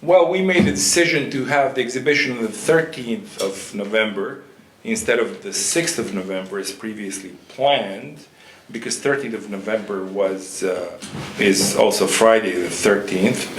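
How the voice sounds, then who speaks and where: Male panelist, hesitant and rambling, recorded in an echoey hall. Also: on the low side. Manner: halting, many fillers and restarts. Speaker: panelist and organizer. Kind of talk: panel discussion. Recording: echoey hall, faint noise.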